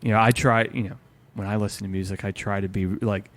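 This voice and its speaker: A man's voice: on the low side, fairly even intonation, fast. A man, a musician guest, telling rambling stories in casual podcast chat, full of fillers and restarts.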